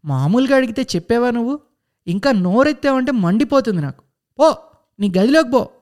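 A man voicing a furious mother who shouts and scolds her young son. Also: very high-pitched, expressive, quick pace, voice pushed up.

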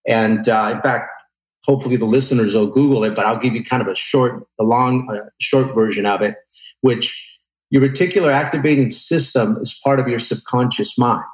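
An echoing room surrounds a man in his forties with a mid-pitched voice. He talks as an interview guest, sharing motivational lessons from his own life. His delivery is earnest and emphatic, explaining each point like an instructor. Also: moderate pace. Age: 40s. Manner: earnest, emphatic, instructive, with rhetorical check-ins. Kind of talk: motivational personal storytelling in an interview. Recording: roomy, echoing sound.

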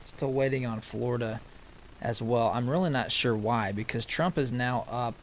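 Halting American male radio host, noisy background. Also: mid-range voice. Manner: halting, repeats phrases and breaks off to read results aloud. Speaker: radio election-night host. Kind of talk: unscripted live political commentary.

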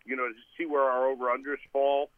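A man's voice: mid-range voice, level tone, fast talker, no echo. A man calling in to a radio show over a clipped phone line, rambling and thinking aloud as he talks. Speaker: caller to a sports radio show. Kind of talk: casual call-in chat.

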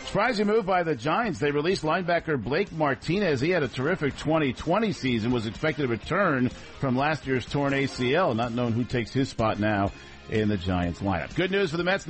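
A man delivering a scripted radio sports update as the anchor. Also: fairly high pitch. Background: music.

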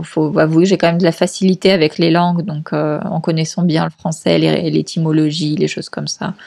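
Woman interviewee, casual, chatty, halting with fillers, laughs often. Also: on the low side, creaky, a little mellow. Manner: chatty, many fillers and restarts, laughs easily. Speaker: guest.

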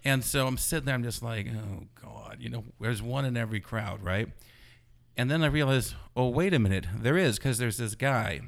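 A man's voice: mid-range voice, moderate pace, gravelly. A man, a blogger being interviewed, telling a story in a casual, rambling way and filling it with "you know". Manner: rambling, animated retelling full of "you know". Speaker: blogger guest.

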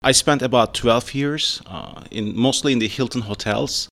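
A man with a Turkish accent, a restaurant owner and chef, talking about his career with frequent pauses and fillers. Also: mid-range voice, fairly bright tone. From Turkey. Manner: hesitant, many fillers. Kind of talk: casual interview.

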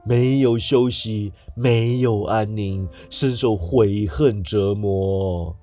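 A man voicing a grieving, chained male ghost who speaks slowly and heavily in a storybook reading. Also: lowish voice, dark tone, soft background music. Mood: mournful. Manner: slow, drawn-out, heavy delivery.

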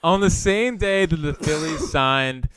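A man's voice: a little high, a little slow, fairly bright tone. A man co-hosting a casual sports podcast, teasing and playful with his co-host.

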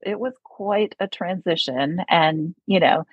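A woman with a light upstate New York accent talks through her career as an interview guest. Her voice sits a little low and sounds husky, with frequent laughs and fillers. The audio is dull and lo-fi, with a dry sound. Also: measured pace, dry recording. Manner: chatty, laughs often, many fillers. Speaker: speech therapist, guest. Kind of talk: conversational interview.

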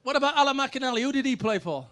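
Brief: middle-aged ex-player man, high voice, brash comic yarns. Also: animated, rapid-fire, fairly bright tone. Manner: brash, punchy, sweary punchlines. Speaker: former footballer telling stories. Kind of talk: comic anecdotes, stand-up storytelling.

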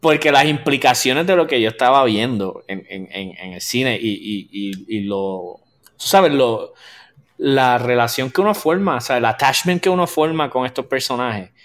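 Excitable man telling a movie story. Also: mid-range voice, normal speed. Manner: excited, storytelling, many restarts. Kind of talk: casual chat.

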